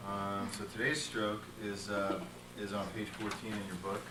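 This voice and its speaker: A male massage instructor teaches in a playful, joking way, his voice caught from across an echoey classroom. Steady hiss and room noise sit under every word. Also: on the low side, moderate pace, far from the mic. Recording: roomy classroom taped from afar, noisy.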